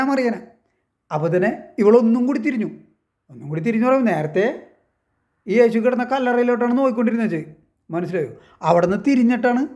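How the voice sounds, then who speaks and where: An online commentator with a notably high, slightly mellow voice speaks directly to viewers in a loose, casual monologue. He retells a story step by step, stopping to check whether they follow, and keeps posing rhetorical questions that he answers himself.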